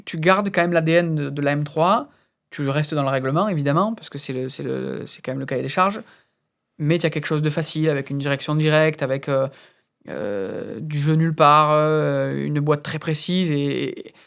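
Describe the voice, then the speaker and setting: Hesitant high-voiced Frenchman. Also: normal speed, gravelly, a bit bright, clean tone. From France. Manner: hesitant, many repeated words and fillers. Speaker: guest racing driver and instructor. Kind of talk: casual interview talk.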